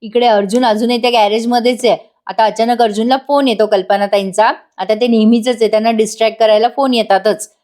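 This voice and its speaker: A woman's voice: on the high side, steady tone, fast talker, few pauses, a little mellow. A woman giving a chatty voice-over recap of a TV serial episode and speaking straight to her viewers. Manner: chatty, addresses viewers directly. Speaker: TV serial reviewer. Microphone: voice-over studio mic.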